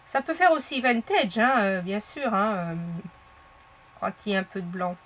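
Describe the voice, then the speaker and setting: A woman hosting a casual crafting tutorial, explaining each step in a chatty way with soft fillers. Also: mid-range voice, animated, normal speed. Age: adult. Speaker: craft video host.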